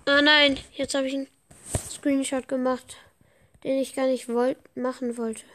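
An excitable woman gives running commentary on a video game, talking casually to her listeners. Her voice sits a little high, and she breaks into slang exclamations often. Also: measured pace. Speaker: gaming podcaster.

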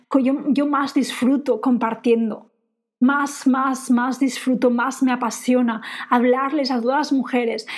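A woman hosting a podcast as a coach for women entrepreneurs, talking in an earnest, encouraging way and repeating phrases for emphasis. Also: high-pitched. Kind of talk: motivational podcast monologue.

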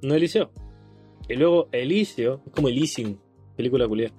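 A man's voice: medium pitch, fast talker, dark tone, slightly rough, faint music behind. A man with a Chilean accent chatting crudely and joking, reading news aloud on a podcast. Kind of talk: casual podcast chat reacting to news.

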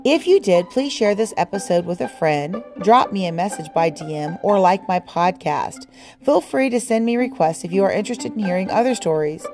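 A woman hosting a podcast, reading a children's book aloud in a calm, clear, steady way. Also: mid-range voice, moderate pace, music in the background. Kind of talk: storybook read-aloud narration.

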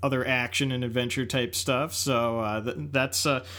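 Man in his 30s, podcast co-host, halting, jokey, self-deprecating. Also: mid-range voice, flat delivery, sharp tone. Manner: hesitant, self-deprecating, lots of uh. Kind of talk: casual chat.

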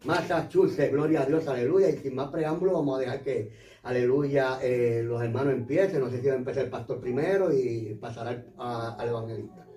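Brief: male church radio host, mellow tone, peppers every line with hallelujahs, echoey room, distant mic. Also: medium pitch. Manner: fills pauses with hallelujahs. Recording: roomy sound, distant mic.

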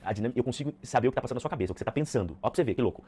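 A man teaching a live online sales class, energetic, repeating key points and checking in with his students. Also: medium pitch, very fast, slight background noise. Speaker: sales trainer. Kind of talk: live online training talk.

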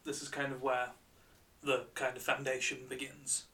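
A man hosting a show as a bright, curious, joking presenter, telling stories in a light-hearted, conversational way. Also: mid-range voice, completely flat delivery, normal speed, far from the mic. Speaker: podcast and radio show host.

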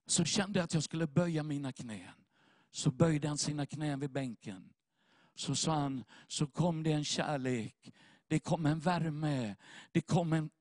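Male preacher, high voice, dry close sound, emotional storytelling into fervent appeals. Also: a little mellow, no echo. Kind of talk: evangelistic sermon.

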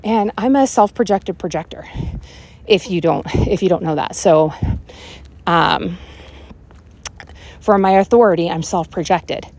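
A woman in her forties hosting a casual walk-and-talk monologue, thinking out loud with lots of fillers as she strolls around her neighborhood. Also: lowish voice, unhurried, long pauses. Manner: rambling, animated, thinks out loud with many fillers. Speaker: podcast host. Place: walking outdoors around a neighborhood.

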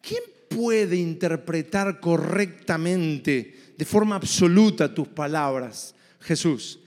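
A preacher playing a sly demon who mockingly questions what each word means. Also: male voice, a little high, expressive, takes it slowly, a little mellow, in a large hall, voice pushed down. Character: sly demon quibbling over meanings.

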